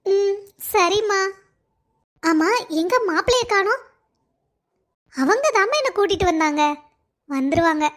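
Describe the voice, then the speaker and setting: Young cartoon wife, soft and loving, very high voice, woman voiced. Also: animated, measured pace, pauses often, exaggerated voice. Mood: tender. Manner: soft, affectionate. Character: young pregnant wife, tender and tearful. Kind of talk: Tamil cartoon voice acting.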